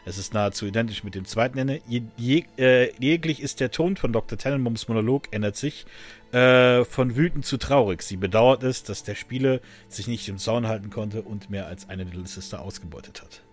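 A man's voice: mid-range voice, brisk. A man hosting a casual podcast, talking loosely with many fillers and restarts and laughing often. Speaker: podcast host.

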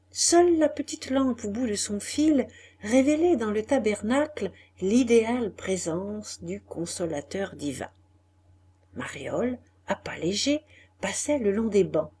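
A woman reading a classic novel aloud as an audiobook, soft and measured, often dropping nearly to a whisper. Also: medium pitch, husky. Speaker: audiobook reader. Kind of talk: literary audiobook narration.

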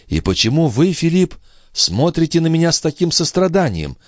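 A man's voice: sing-song, moderate pace, dry recording, clean studio sound. A man voicing a frantic young noble mother. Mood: pleading. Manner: pleading, rising to shrill commands. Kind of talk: audiobook character reading.

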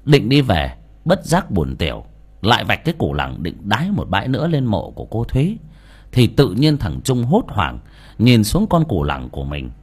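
A man narrating a folk ghost story in a lively, colloquial, dramatic way. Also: on the low side, moderate pace, breathy edge. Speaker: audiobook narrator.

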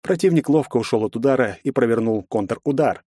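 A man narrating a first-person fantasy audiobook in a measured storytelling manner. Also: medium pitch, expressive, mellow, no room sound, studio quality.

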